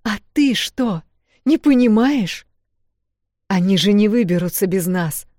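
A woman voicing a defiant, stubborn young sister who protests in a high, strained voice. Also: a little slow, warm tone, no echo, clean studio sound.

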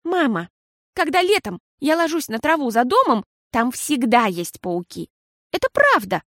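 Woman doing a squeaky fidgety little girl. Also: sing-song, moderate pace, a bit bright, no echo, studio quality, heavily acted. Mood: frightened whiny. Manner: squealing, whiny and breathless. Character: excitable fidgety seven-year-old girl.

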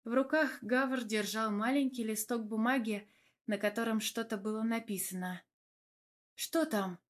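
A woman narrating a first-person romance novel in a smooth, even storytelling voice. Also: on the high side, normal speed. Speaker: audiobook narrator.

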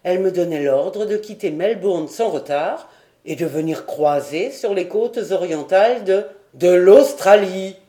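A woman's voice: fairly low pitch, expressive, moderate pace, close to an everyday voice. A woman doing a vehement commanding lord. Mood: urgent. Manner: forceful, urgent questions.

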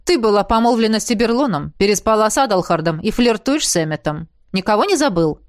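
A woman's voice: medium pitch, expressive, fast, no echo, clean studio sound, lightly acted. A woman voicing a blunt, sardonic young male mage in an audiobook. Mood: mocking. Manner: sardonic, teasing.

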